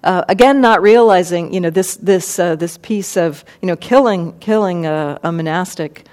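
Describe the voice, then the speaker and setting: A woman's voice: on the low side, normal speed, a little mellow. Thoughtful woman giving a dharma talk. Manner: thoughtful, many fillers and restarts. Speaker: meditation teacher. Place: meditation hall.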